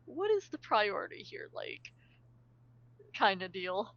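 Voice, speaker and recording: A chatty female tabletop player with a bright, sharp voice and plenty of vocal fry, full of fillers. She is recorded dry on a dull, lo-fi mic. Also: medium pitch, very animated, slow pace. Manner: chatty, filler-heavy, giggly. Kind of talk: casual chat in a tabletop game.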